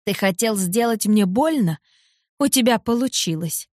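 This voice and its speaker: A woman reading aloud gives voice to a young heroine in a storybook, wrung out and tearful yet defiant. Her delivery is intense and emotional at a natural mid pitch. The recording is close and dry. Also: animated, moderate pace, a little mellow, no echo, lightly acted. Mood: cold fury.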